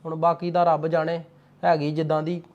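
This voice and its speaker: A man playing a fast-talking young Punjabi farmer. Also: a little high, monotone, darkish tone, muffled recording, natural voice. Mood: calm. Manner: fast, assertive, dismissive when irritated. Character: young Punjabi farmer, stubborn, short-tempered husband. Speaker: young farmer son and husband. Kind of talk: Punjabi web drama acting.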